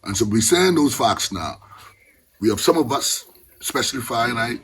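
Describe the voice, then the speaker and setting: A man's voice: medium pitch, animated, moderate pace, a bit bright, slight background noise. An older man from the Bahamas with a Caribbean accent, reasoning informally and with passion in Rasta speech with patois phrasing. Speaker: Rastafarian elder.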